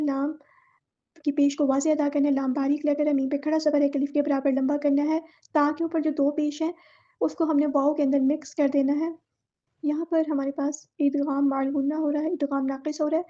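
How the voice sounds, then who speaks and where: A woman gives a step-by-step recitation lesson, explaining each sound and then reciting it slowly. Her voice sits high and stays fairly level, with a soft, mellow tone. The recording sounds somewhat dull and lo-fi. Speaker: Quran recitation teacher. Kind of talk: word-by-word tajweed lesson.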